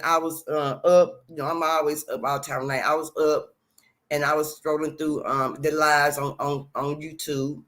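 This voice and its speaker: A woman's voice: low-pitched, a bit bright, low-quality recording. A woman hosting her own channel, chatting casually to viewers in a rambling, repetitive way and calling them "y'all". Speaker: channel host. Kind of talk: casual livestream talk.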